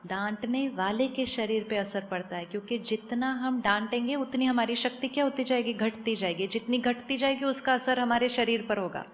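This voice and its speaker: A woman giving a calm, persuasive spiritual talk to a live audience, often asking questions and mixing in English phrases. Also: a little high, normal speed, hardly any pauses, slight background noise. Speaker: spiritual speaker.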